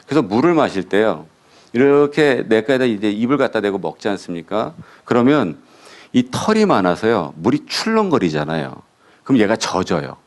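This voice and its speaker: A man's voice: lowish voice, a little mellow. A male pastor giving a sermon, asking the congregation questions and answering them himself.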